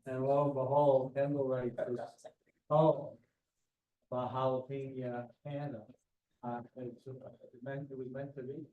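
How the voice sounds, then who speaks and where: A man's voice: mid-range voice, level tone, a little slow, phone-quality sound. A man moderating a club meeting in loose casual talk, prompting others and restarting his sentences. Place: meeting room. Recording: echoey room with faint noise.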